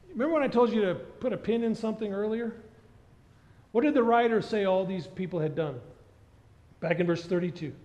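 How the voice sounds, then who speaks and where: A middle-aged man preaches from a large church stage, his voice sitting fairly high. He keeps putting questions to the congregation in an animated, conversational way. The sound is a little muffled, with long reverb rolling through the hall. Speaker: pastor. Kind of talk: sermon.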